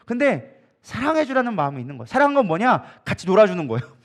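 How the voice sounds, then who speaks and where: A man preaching as a pastor, telling stories with a joking, animated manner and acting out what others said. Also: high-pitched, fast. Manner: animated, joking storytelling with acted quotes. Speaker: co-lead pastor. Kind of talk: sermon at an evening prayer meeting. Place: church sanctuary.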